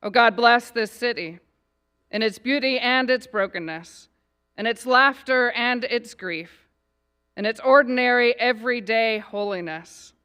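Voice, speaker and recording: A woman pastor with a Northern Irish accent softened by American years, giving a measured, solemn public invocation. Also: on the high side, smooth. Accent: Northern Irish, blended with American. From Northern Ireland.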